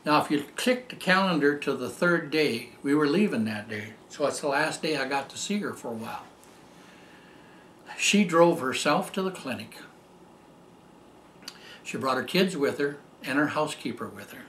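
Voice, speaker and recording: A man's voice: on the high side, expressive, normal speed, fairly bright tone, echoey room, a little hiss or hum. Older man rambling through a heartfelt story. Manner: rambling, heartfelt, many fillers and restarts. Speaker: storyteller recounting personal experiences. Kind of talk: casual spoken testimony.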